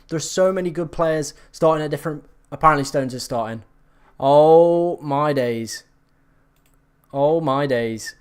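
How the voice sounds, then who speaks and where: Slightly hoarse from talking for hours, this live-stream host chats loosely and reacts to what viewers post. His voice sits at a fairly high pitch.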